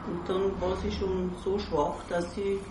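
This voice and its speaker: An older woman giving an earnest church testimony in short phrases, pausing after each one for her interpreter. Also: lowish voice, flat delivery, recorded from a distance, noisy background. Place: church hall. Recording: roomy hall, voice heard from off mic.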